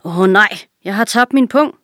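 A woman reading a children's story aloud, voicing a cruel, greedy, fat male king who barks orders in a raised, shrill voice. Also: big pitch swings, no echo, studio quality, close to an everyday voice. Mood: bossy. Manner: commanding, shrill when angry.

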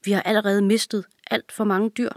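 A woman's voice: mid-range voice, flat delivery, no room sound, studio quality, lightly acted. Musa, a teasing young boy, read by a woman. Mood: gloomy. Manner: teasing then gentle. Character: teasing kind young boy, big brother.

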